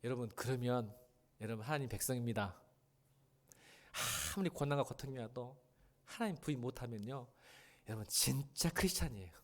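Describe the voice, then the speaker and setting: A male pastor preaching a sermon in a church, pleading loudly at times and dropping to soft, confiding asides. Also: medium pitch, fairly quick, pauses often. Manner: emotional preaching, swinging between loud pleas and soft confiding asides. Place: church sanctuary.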